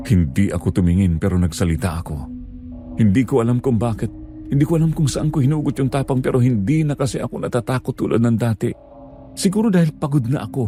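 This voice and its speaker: A man telling a scripted horror story in a hushed, suspenseful way. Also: on the low side.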